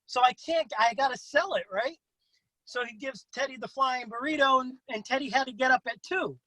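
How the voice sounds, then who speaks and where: A man hosting a casual interview over a video call who swears freely and jumps into excited voices when he quotes other wrestlers. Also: moderate pace, dry recording, poor audio. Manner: profane, swears freely in anecdotes; acts out quotes with big pitch jumps. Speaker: interview host.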